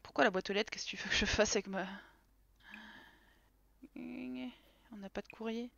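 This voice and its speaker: A woman's voice: fairly high pitch, fairly even intonation, moderate pace, vocal fry, fairly bright tone, no echo. A woman giving casual, swear-filled commentary while playing a life-sim game live, talking to her characters. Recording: dull lo-fi stream audio.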